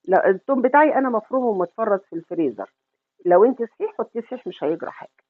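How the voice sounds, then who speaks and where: A middle-aged Egyptian woman talks quickly through a home cooking tutorial. She is warmly affectionate and fills the lesson with her own questions and answers. Her voice comes through a tinny, phone-like line in a dry, close space. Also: fairly high pitch, expressive, dry recording. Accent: Egyptian Arabic. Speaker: cooking channel host.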